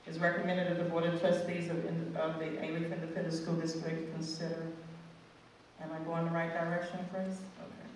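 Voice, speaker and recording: A man's voice: fairly high pitch, monotone, brisk. A man chairing a board meeting, leading the proceedings in a procedural, slightly fumbling way. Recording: echoey hall, distant, noisy.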